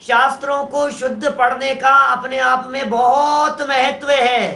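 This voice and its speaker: A man's voice: very high-pitched, level tone, a little slow, vocal fry, pushed and bright, roomy sound. A man, a preacher giving a sermon who explains a verse phrase by phrase and asks the listeners rhetorical questions. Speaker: Jain preacher.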